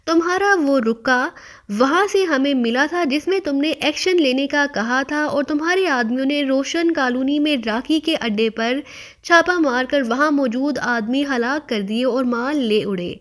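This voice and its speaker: A woman's voice: sits high, lightly acted. A woman voicing a cold, ruthless male secret agent who interrogates with icy, growling threats.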